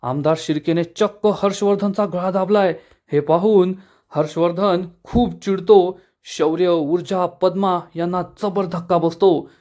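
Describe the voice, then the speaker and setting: Man, somewhat high voice, dramatic serial recap narration, emphatic quoted lines. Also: steady tone, unhurried, a little mellow. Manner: retells scenes, voicing quoted lines with emphasis.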